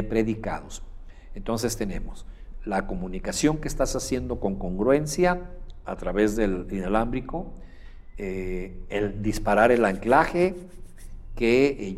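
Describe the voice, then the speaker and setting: A man giving an instructional lecture, often pausing on "eh" and demonstrating faster or slower, higher or deeper speech as he teaches. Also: a little mellow. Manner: demonstrates pace and pitch changes while teaching, with frequent "eh" fillers.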